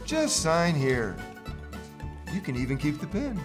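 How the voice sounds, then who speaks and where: A man plays a pushy, shady used-car salesman in a comic commercial. His hard sell is full of bluster, with very lively swings in pitch. Music plays clearly behind him. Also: a little slow. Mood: pushy, slick.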